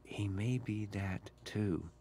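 An actor playing a gentle, cryptic middle-aged school groundskeeper in a video game, speaking in a measured, philosophical way. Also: male voice, fairly low pitch, a little hiss or hum. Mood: soft, cryptic.

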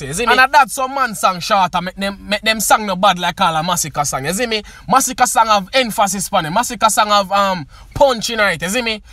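Jamaican male song reviewer, emphatic, forceful bright tone. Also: high voice, no room sound, clean studio sound. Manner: emphatic, keeps asking "you see me". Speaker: music reviewer. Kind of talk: casual song commentary.

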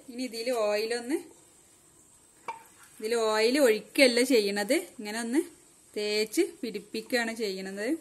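Woman hosting a home cooking tutorial. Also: a little high. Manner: friendly step-by-step instructions. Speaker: cooking channel host. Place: home kitchen. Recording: echoey kitchen with faint noise.

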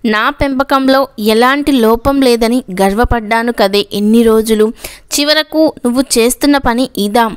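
A woman's voice: on the high side, measured pace, clear, resonant tone, lightly acted. A woman voicing a hot-tempered middle-aged father in an audio story, angry and scolding. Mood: furious. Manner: angry, shouting.

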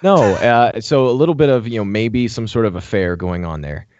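A man's voice: lowish voice, lively intonation, normal speed, a little mellow, no echo. Guy cohosting a podcast, lots of uhs, kinda dull dry lo-fi audio. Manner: rambling, many "uh" fillers. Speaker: podcast co-host. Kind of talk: casual chat.

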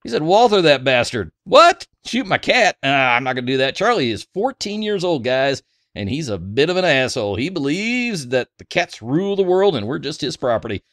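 A man's voice: medium pitch, very animated, a little fast, a bit bright, no room sound, clean studio sound. A man hosting a gun channel vlog, reading viewer comments aloud in a joking, crude, self-mocking way.

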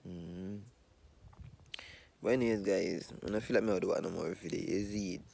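Gravelly Trinidadian man venting to his phone. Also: steady tone, normal speed. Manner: low, glum complaining, turning loud and laughing at the end. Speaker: vlogger. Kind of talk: casual vlog talk to camera. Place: outdoors among bushes and palms. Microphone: phone held low at arm's length.

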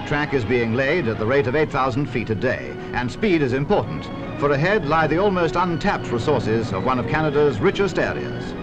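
A man's voice: medium pitch, big pitch swings, moderate pace, hardly any pauses. A man narrating an old 1950s newsreel in an emphatic, upbeat announcer's delivery. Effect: old 1950s newsreel soundtrack. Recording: dull lo-fi film soundtrack with music. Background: music.

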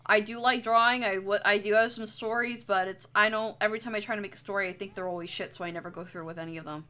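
Her medium-pitched voice moves at a quick pace, with fairly even intonation and a sharp tone. The young woman is a streamer and artist, casually chatting as she draws live, full of rambling jokes and frequent swearing.

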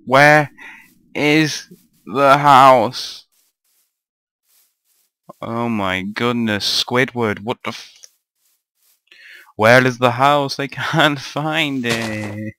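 A man's voice: mid-range voice, takes it slowly, pushed and bright, no echo. A young man giving rambling, grumbling commentary over his own gameplay, often swearing to himself. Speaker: gamer narrating a let's play.

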